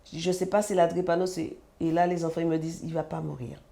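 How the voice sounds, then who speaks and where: A woman's voice: on the low side, fast, vocal fry. Woman from the Antilles telling her story. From French Antilles. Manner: animated, acts out quoted dialogue. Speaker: guest, mother of a sick child. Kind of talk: emotional personal storytelling.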